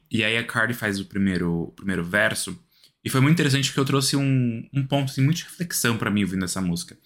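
A man's voice: medium pitch, fairly bright tone. A man co-hosting a casual music podcast, talking in a hesitant, rambling way with many restarts. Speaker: podcast co-host.

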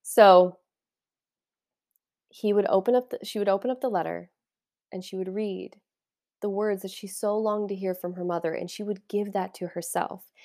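A woman coach talks casually on her podcast, her enthusiasm showing as she wanders from one thought to the next. Her voice sits at an average pitch, and her delivery is warm-hearted but loose, like a chat with a friend. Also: steady tone, moderate pace, long pauses. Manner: enthusiastic, meandering, conversational. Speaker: podcast host and life coach. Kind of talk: casual spiritual talk.

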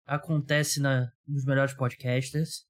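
A man's voice: mid-range voice, flat delivery, slow. A Brazilian man hosting a sports podcast in casual, joking, self-deprecating chat. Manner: informal, jokey, self-deprecating. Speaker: podcast host.

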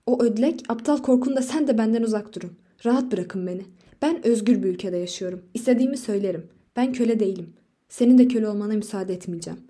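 A woman's voice: mid-range voice, steady tone, fairly quick, close to an everyday voice. A woman reading a fierce, desperate young wife. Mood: defiant. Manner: loud, impassioned pleading. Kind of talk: audiobook reading.

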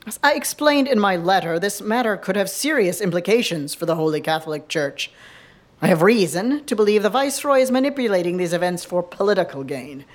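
A woman voicing a careful, diplomatic male cardinal, measured and formal. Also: mid-range voice, lively intonation, natural voice. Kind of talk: audio drama acting.

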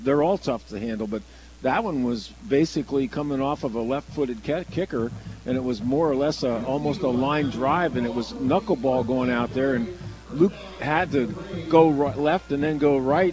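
On live radio, a man with a mid-range voice offers conversational color commentary on a football match. He explains the plays haltingly and often restarts his phrases, and the recording quality is low.

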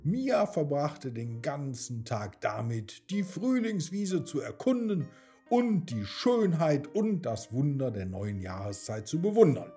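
A man tells a children's story slowly and gently. His pitch swings widely and expressively, with a mellow, warm tone, and soft music plays behind him. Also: big pitch swings. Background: soft background music.

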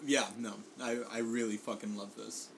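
A man's voice: on the low side, level tone, moderate pace, vocal fry, fairly bright tone, slight background noise, poor audio. A man from Puerto Rico chatting casually about food he brought, swearing often and filling gaps with ums and laughs. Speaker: guest bringing food. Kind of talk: casual food tasting chat.

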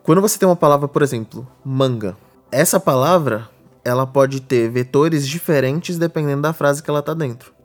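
A man's voice: a little high, normal speed. A man with a Brazilian Portuguese accent, co-hosting a podcast and patiently explaining ideas with everyday examples. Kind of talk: casual explanatory chat.

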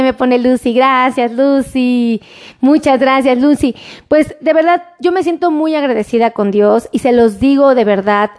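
A woman doctor with a Mexican Spanish accent, chatting casually on a live stream, thanking viewers by name and slowly dictating phone numbers. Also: a little high, darkish tone.

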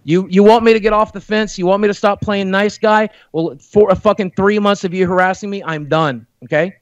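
A man's voice: high-pitched, fairly even intonation, fairly quick, no room sound. A man in a heated call-in argument, furious and profane, repeating threats. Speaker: caller in a heated debate. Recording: muffled dry call audio.

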